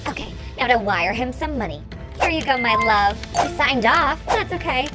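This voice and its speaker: A woman's voice: on the high side, lively intonation, moderate pace, loud music behind the voice, lightly acted. A woman playing a sulky, lovesick, sneaky teenage sister, drawling and dismissive, in a game role-play. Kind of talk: dramatized Roblox role-play.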